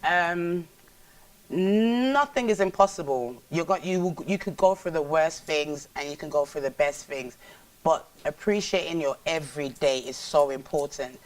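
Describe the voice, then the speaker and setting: A woman's voice: sits low, a little slow, no room sound, recorded from a distance. A woman from Nigeria who is an actress guest on a talk show. She speaks earnestly and in a motivational way. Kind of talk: casual chat.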